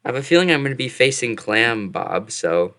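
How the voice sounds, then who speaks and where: A man playing a tabletop game, animated and often restarting his sentences. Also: medium pitch, brisk, a crowd in the background. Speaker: player. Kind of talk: casual tabletop play.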